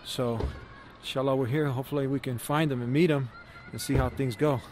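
A man's voice: medium pitch, fairly even intonation, fairly quick, a little mellow. A man hosting a vlog, talking casually and earnestly about faith, repeating phrases as he goes. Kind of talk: casual vlog talk with religious preaching. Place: outdoors outside a church in town. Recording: faint outdoor street and traffic noise.

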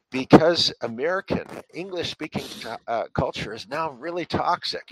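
A man's voice: medium pitch, slightly rough, no echo, low-quality recording. A man who writes and speaks about parenting, answering interview questions in an earnest, instructive way with frequent fillers. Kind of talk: interview answers giving advice.

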